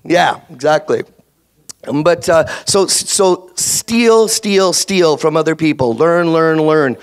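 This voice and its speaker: Male voice actor, panel speaker, slightly high pitch, loose rambling delivery with crowd banter. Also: takes it slowly, clean tone. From Canada. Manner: rambling, joking with the crowd, many restarts. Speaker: voice actor giving a convention panel talk. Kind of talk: live panel talk to an audience.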